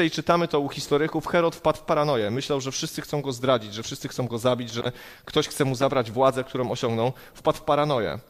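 A man preaching a sermon, earnest and emphatic, building his points through repetition. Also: mid-range voice. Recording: long hall reverb.

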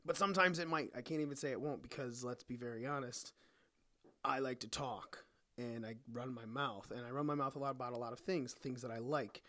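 A man's voice: medium pitch, fairly even intonation, brisk, fairly bright tone. A young adult man hosting his own podcast, ranting bluntly and profanely, a little sick. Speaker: podcast host. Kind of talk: casual monologue rant.

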